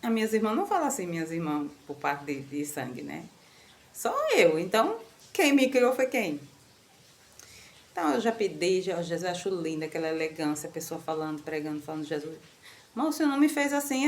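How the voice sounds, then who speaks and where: A woman from Brazil preaching a sermon with a strong, loud voice, telling stories and jumping high in pitch when she quotes people. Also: a little fast. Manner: animated, storytelling, jumps to high pitch when quoting.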